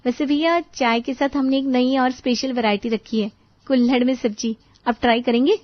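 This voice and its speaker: A woman's voice: sits high, normal speed, no room sound, close to an everyday voice. A woman voicing a chatty, boastful young wife in a cartoon who dreams big. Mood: pleading. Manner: excited, boastful. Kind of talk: cartoon voice acting. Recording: dull dry studio voice-over.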